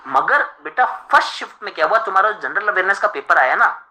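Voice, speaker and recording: Male exam tutor on a live stream: chatty, lively pitch, bright voice, asks the students rhetorical questions. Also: fast talker, rough recording. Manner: chatty, addresses listeners as friends, rhetorical questions. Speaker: exam coaching teacher.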